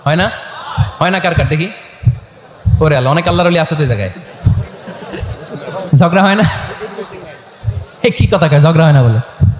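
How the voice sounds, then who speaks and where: A man preaching a storytelling sermon to a large gathering, animated and asking the crowd questions. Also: on the high side, moderate pace, long pauses. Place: large public gathering over loudspeakers. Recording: echoey hall, long reverb.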